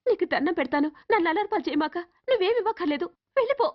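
An actress playing a sharp-tongued, fiery woman who scolds fast, from a dull lo-fi film soundtrack. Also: extremely high pitch, animated. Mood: angry.

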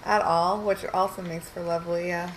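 A woman's voice: lowish voice, fairly even intonation, normal speed, heavy background noise. A woman co-hosting a casual let's play, cracking dry jokes and asking playful questions about the game. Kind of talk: casual gameplay chat.

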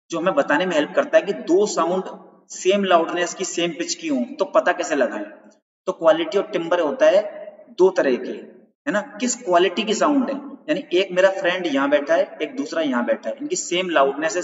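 A man's voice: a little high, brisk. Man lecturing in a roomy classroom. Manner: explains in Hindi mixed with English terms, repeats key points as questions. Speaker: teacher. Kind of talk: exam-prep lecture. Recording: roomy, distant, dull sound.

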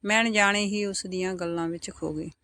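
A woman with a Punjabi accent narrating a first-person story in a soft, intimate scripted delivery. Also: mid-range voice, steady tone, brisk.

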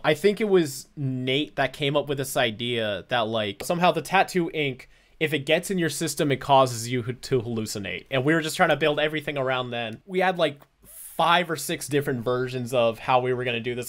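Male writer, mid-pitched, steady matter-of-fact recollection, casual. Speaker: writer and storyboard artist.

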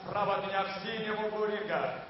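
A man working as a boxing ring announcer, giving ceremonial introductions and stretching fighters' names out into shouts. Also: sits high, fairly even intonation, a little fast, dull audio, over a noisy crowd. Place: large indoor boxing arena. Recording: echoing arena PA, distant and noisy.

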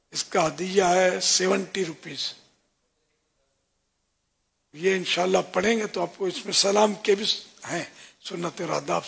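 An older man giving religious guidance in a hushed, unhurried way. His voice sits high for a man and has a rough, gravelly grain. It is very hoarse and raspy throughout. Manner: soft-spoken, often drops to a whisper, draws out words slowly. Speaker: religious scholar answering questions.

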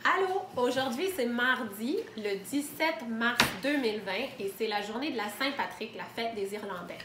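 A woman teacher reads a picture book aloud for children at home, pausing to explain words. Her voice sits high and clear. The room is echoey, with faint hiss behind. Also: expressive.

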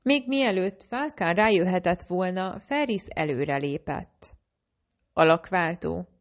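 Lower-pitched woman reading an audiobook. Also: animated. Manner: reads all characters in a lightly varied own voice. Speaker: audiobook narrator. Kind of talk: audiobook narration.

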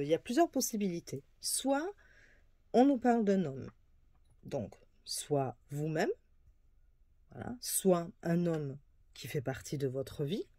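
A woman's voice: on the low side, mellow, dry recording. A woman casually presenting an oracle card reading, hesitant, with many fillers and restarts. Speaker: tarot and oracle card reader.

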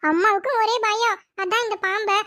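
A woman's voice: extremely high pitch, steady tone, moderate pace, bright, forceful tone, pitched above the performer's own voice. A woman voicing an eager, chatty little girl in a cartoon, coaxing and playful.

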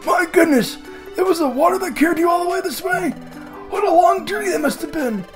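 Guy doing a shaky old hot spring grandpa voice, slow and squeaky high. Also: music in the background. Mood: amazed. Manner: slow quavering old-man voice, high and strained. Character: creaky cheerful old male hot-spring keeper.

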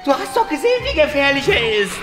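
A man's voice: very high-pitched, big pitch swings, fast talker. A middle-aged man with a theatrical, grumbling manner, acting in a playful comedic skit. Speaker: comic sidekick playing a guard. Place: large workshop hangar indoors. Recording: roomy echo, music behind.

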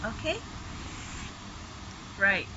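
A middle-aged woman chatting casually about products as a vlogger, raising her voice in heavy rain. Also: extremely slow. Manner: raised voice to talk over heavy rain. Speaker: beauty vlogger. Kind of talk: casual product review chat. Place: small bedroom at home. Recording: dull, noisy audio with heavy rain. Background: heavy rain outside.

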